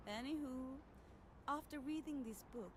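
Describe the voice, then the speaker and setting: An actress playing a reflective female radio DJ who talks in a calm, musing, self-aware way between songs. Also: sits high, slow pace, background noise. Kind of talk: scripted radio DJ monologue.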